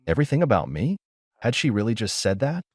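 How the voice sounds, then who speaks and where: Guy narrating a reddit-style drama story, lowish voice, lots of swing, dry close sound. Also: very animated, quick pace, no room sound. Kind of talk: scripted first-person story narration.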